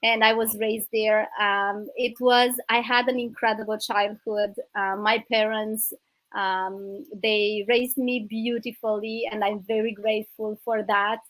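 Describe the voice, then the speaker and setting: A woman in her thirties from Romania, a native Romanian speaker, telling her life story as an interview guest, warm and grateful with many hesitant fillers. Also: mid-range voice, flat delivery, unhurried, no echo, rough recording. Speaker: guest, business coach.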